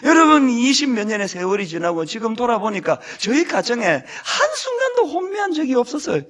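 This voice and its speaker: A man's voice: extremely high pitch, wildly swooping pitch, fairly quick, a bit bright. A middle-aged man preaching a sermon in a church sanctuary, telling self-deprecating stories with humor and joking with the congregation. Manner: jokes with the congregation. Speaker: senior pastor.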